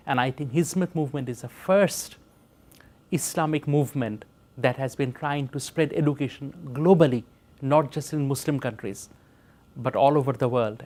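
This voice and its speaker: A middle-aged man from Bangladesh, a professor speaking in an interview in an earnest, measured way with frequent pauses and fillers. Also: mid-range voice, darkish tone. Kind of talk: reflective interview talk.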